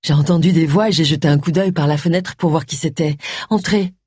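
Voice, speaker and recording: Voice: mid-range voice, fairly quick, a little mellow, slightly rough, dry recording, studio quality, lightly acted. A narrator voicing a worried, talkative vicar's wife in an audiobook. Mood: welcoming. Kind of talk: audiobook character reading.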